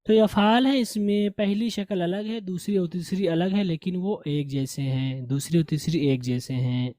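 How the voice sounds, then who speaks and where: A man's voice: high voice, moderate pace, warm tone, no echo. A man teaching English vocabulary in a lesson, repeating each word and correcting common mispronunciations. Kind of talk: language lesson.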